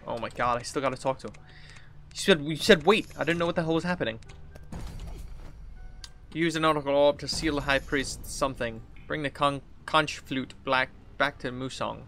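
A mid-range male voice at normal speed, pushed and bright, comes with a little hiss or hum. He's a streamer in his thirties giving playful, easygoing gameplay commentary with exaggerated read-outs, easily exasperated, against game music.

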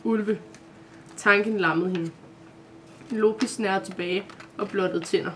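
A woman reading a children's advent-calendar story aloud at a steady pace, with small self-corrections. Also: mid-range voice, slight background noise.

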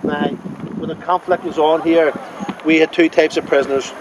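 A man's voice: a little high, fairly even intonation, normal speed, dull audio, background noise. A man guiding a taxi tour, explaining local history in a plain, matter-of-fact way. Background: background music.

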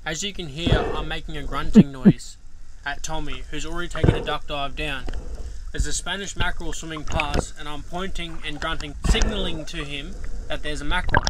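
A man, narrating his spearfishing outing in a relaxed, explanatory voice-over. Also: a little high, brisk, very noisy. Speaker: vlog host narrating.

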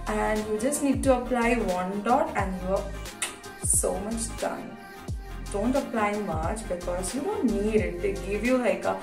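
A woman in her twenties with an Indian accent chats casually as a vlogger, often repeating words for emphasis. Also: medium pitch. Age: 20s. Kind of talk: casual chatty vlog talk. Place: hotel room and small tiled hotel bathroom. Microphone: phone propped a short distance away. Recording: echoey tiled bathroom, distant phone mic.

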